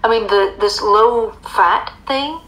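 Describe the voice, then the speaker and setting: A woman's voice: medium pitch, slow pace, fairly bright tone, poor audio. An American woman in her fifties, explaining things emphatically as a guest in a casual interview. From United States. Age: 50s. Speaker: interview guest, eating coach.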